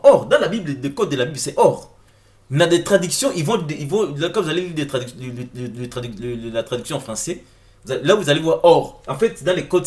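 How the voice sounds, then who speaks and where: Animated man explaining emphatically. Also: on the high side. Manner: emphatic, repeats words while searching for them; addresses viewers directly with rhetorical questions. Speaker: presenter of an online video lecture. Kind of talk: informal explanatory talk over on-screen text.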